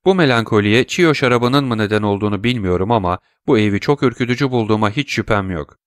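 A man voicing a worried, gallant young gentleman with an urgent, solicitous manner. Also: lowish voice, lively intonation, fast, dry recording, clean studio sound, close to an everyday voice. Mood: concerned.

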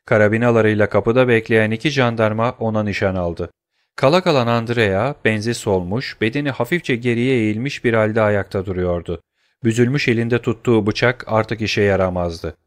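A man narrating an audiobook in a steady, measured reading voice on a close mic. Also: on the low side. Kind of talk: scripted narration.

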